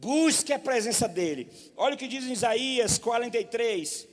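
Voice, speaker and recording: A man preaching a sermon, telling folksy stories and often calling the listener "meu irmão", rising to loud exhortation. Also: very high voice, animated, normal speed, long reverb tail. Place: church.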